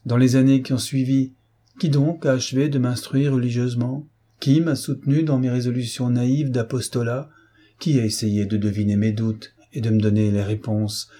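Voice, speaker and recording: A man's voice: mid-range voice, warm tone, husky, natural voice. A man doing a bitter, reproachful young son. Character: embittered young man accusing his parents.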